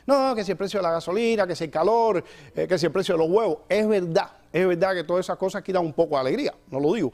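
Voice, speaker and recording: A man hosting a comedy show, telling jokes in an animated storytelling style. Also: high-pitched, quick pace. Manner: joking, animated storytelling with acted-out voices. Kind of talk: stand-up style comic monologue.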